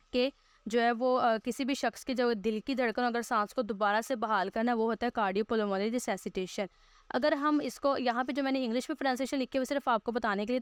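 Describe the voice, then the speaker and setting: A Pakistani woman teaching a school lesson, explaining slowly with fillers and repeating herself, mixing English textbook lines into her talk. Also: on the high side, smooth, dry recording.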